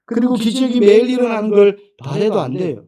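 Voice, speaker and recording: A man's voice: sits high, animated, brisk, dark tone. A man preaching a sermon as a pastor, emphatic and full of rhetorical questions.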